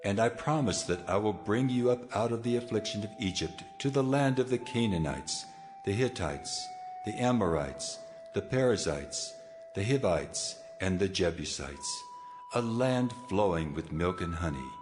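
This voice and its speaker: An actor playing a solemn, commanding, almighty God in a dramatized scripture audio production, declaiming with authority through a cavernous reverb. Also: male voice, on the low side, lively intonation, a little slow. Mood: solemn, promising. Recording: long reverb over loud music.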